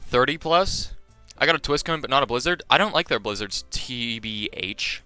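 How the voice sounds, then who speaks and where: Smooth and fairly quick, this young man's mid-range voice carries a visual novel reading on his live stream, soft music playing with no echo. He's animated and jokey, talking to viewers between lines.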